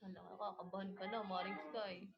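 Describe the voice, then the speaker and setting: A woman's voice: mid-range voice, little pitch movement, fairly quick, gravelly. A Filipino woman hosting a casual livestream, mock-praying to the Lord about gifts from viewers in a polite, pleading way. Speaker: livestream host. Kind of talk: casual livestream chat, pretending to pray. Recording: dull lo-fi audio with loud crowd behind.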